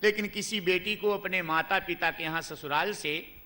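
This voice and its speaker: A male preacher telling a devotional story in an animated discourse. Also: high-pitched, normal speed.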